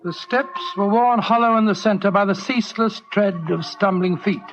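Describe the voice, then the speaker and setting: A man's voice: high voice, normal speed, faint music behind. An actor playing a genial older British doctor, avuncular and wordy, recounting his adventures in a 1940s radio drama. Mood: grave, suspenseful. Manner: avuncular, wordy, old-fashioned diction. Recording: muffled, noisy 1940s radio recording.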